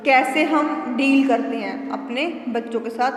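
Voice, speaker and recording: A woman's voice: high-pitched, measured pace. Woman, teacher educator, classroom lecture, explains with examples, long hall reverb. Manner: explains with examples and frequent "ठीक है" check-ins.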